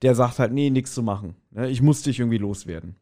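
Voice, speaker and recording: Co-hosting a relaxed podcast conversation about an audio drama, this German-accented man frequently pauses to hunt for the right words. He talks at a quick pace in a mellow, mid-range voice.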